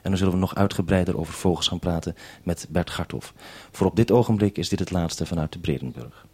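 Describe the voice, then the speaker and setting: Leading a live radio interview, this male host puts probing questions without a script, speaking in a calm and orderly way. His fairly low voice sounds a little mellow and slightly breathy.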